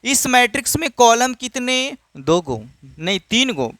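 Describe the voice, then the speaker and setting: A man's voice: very high voice, big pitch swings, measured pace, fairly bright tone, dry recording. A man teaching a maths lesson, often asking a question and answering it himself, and calling his students children. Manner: repetitive, asks and answers his own questions; casual, addresses students as children.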